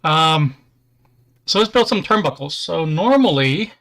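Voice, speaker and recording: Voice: mid-range voice, expressive, a little slow, fairly bright tone. A host chatting casually on a livestream while building a model kit, easygoing, with dry self-deprecating humor.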